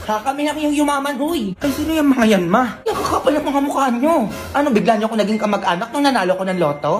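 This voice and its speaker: A woman's voice: fairly high pitch, soft background music. Playful woman acting out comic skits. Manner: lively, quick character switching, bickering. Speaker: comedy sketch creator. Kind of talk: comic skits playing several characters.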